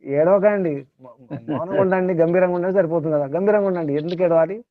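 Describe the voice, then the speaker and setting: A man's voice: high voice, fast talker. A man teaching a small group in a spiritual talk, repeating his points and asking rhetorical questions. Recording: tinny phone-like dry sound.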